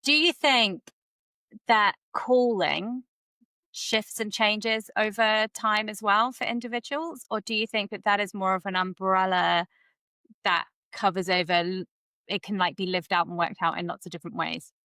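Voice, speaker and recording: A woman's voice: medium pitch, moderate pace, sharp tone, dry recording. A woman co-hosting a podcast interview, engaged and asking thoughtful questions. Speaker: podcast co-host. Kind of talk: conversational interview.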